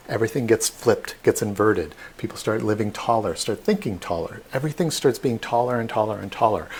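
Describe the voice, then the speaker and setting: A young man working as a tour guide, telling a history story with lively energy and acting out the people in it, on a computer mic for a live stream. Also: on the low side, husky. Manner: animated, acts out quoted people.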